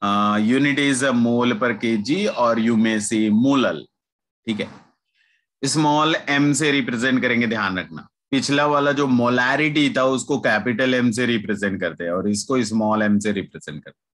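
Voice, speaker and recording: A man's voice: medium pitch, unhurried, a bit bright. A man teaching a chemistry class online, patiently repeating key points and mixing English terms into his talk. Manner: mixes Hindi with English terms; addresses students familiarly as "yaar" and "bachche".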